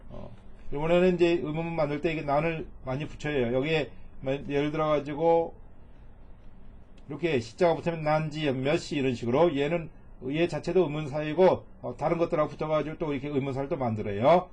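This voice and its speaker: A man's voice: fairly high pitch, brisk, darkish tone, highs cut off. A middle-aged man teaching Japanese reading in a recorded lecture, patiently repeating each phrase and translating it word by word.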